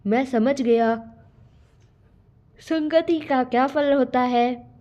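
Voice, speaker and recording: A lost king in a children's storybook, polite and curious, read by a woman. He talks slowly in a fairly high voice, and the sound is dull and lo-fi. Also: warm tone. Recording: dull lo-fi recording.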